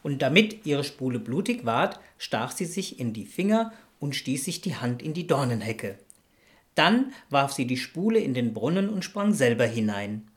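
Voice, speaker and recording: A woman narrating a fairytale radio play in a measured storytelling manner. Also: a bass voice, big pitch swings.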